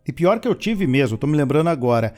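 Lively high-voiced man teaching English. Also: soft background music. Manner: switches between chatty explanations and slow, careful model sentences; playful asides to the learners. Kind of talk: language lesson with repeat-after-me drills.

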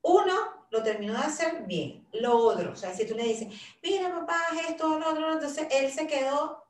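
A woman's voice: sits high, moderate pace. A middle-aged woman talking casually about caring for her father, telling stories and acting out what people said. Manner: animated storyteller, acts out quotes of her father and herself. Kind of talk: casual talk sharing caregiving advice. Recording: roomy echo, a little far from the mic.

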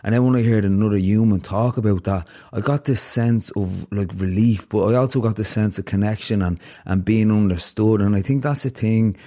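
A man's voice: fairly low pitch, fairly quick, hardly any pauses, mellow. A man hosting a podcast, earnestly reflecting and telling a long parable to his guest. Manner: earnest, heartfelt, tells parables at length. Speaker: podcast host. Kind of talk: reflective conversation and storytelling.

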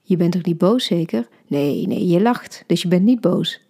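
A woman reads the part of an easygoing young boyfriend in a spoken story. He teases in a breezy, affectionate way, and the voice stays somewhat husky. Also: fairly low pitch, expressive, normal speed, dark tone. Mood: teasing. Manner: playful, breezy, affectionate teasing.

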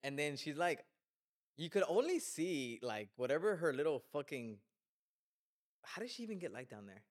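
Man, casual chat, animated film recap, frequent swearing, acts out lines. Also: a little high, moderate pace. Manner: excitable, profane, acts out scenes. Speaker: film discussion podcast co-host.

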